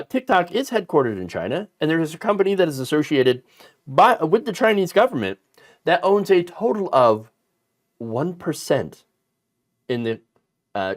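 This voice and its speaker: A man hosting casual political commentary, sarcastic and animated, mocking politicians with put-on quotes. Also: fairly high pitch.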